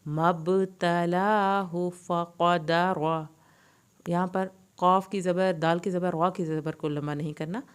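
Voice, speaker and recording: A woman teaching Quran recitation, slowly drawing out verses and then briskly explaining pronunciation rules. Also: lowish voice, steady tone, clear, resonant tone. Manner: slow drawn-out recitation alternating with brisk explanations.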